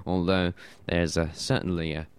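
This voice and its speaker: A man's voice: low voice, level tone, normal speed, clean tone. A man presenting music on radio, reading notes casually with self-deprecating asides and stumbles over names.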